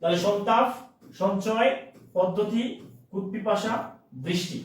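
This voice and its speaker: A man's voice: high-pitched, a little slow. A man teaching an online grammar class, repeating each word and often checking that students follow. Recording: very echoey room, distant mic.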